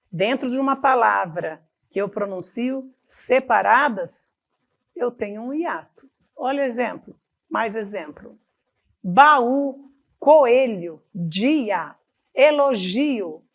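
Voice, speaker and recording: A Brazilian woman with an Amazonas accent teaches a recorded lesson at an unhurried pace. Her voice sits a little high. She draws out each example word and keeps asking whether the class follows. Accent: Amazonas Brazilian Portuguese. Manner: slow and deliberate, stretching example words, checking in with "tá bom?".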